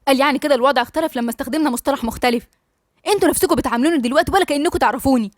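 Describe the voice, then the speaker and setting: A woman's voice: high voice, fairly even intonation, rapid-fire, no room sound, clean studio sound, lightly acted. A woman with an Egyptian accent reading a bitter, sarcastic female doctor who is held as a patient. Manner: sarcastic, defensive.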